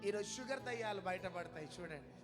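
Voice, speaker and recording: A man leads a charismatic deliverance service, his voice pitched high. He hammers the same short questions and orders again and again, often breaking into shouts. Loud music plays behind him the whole time. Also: expressive, quick pace. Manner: repeats sharp commands and questions, bursts into shouts. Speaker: preacher leading a deliverance prayer.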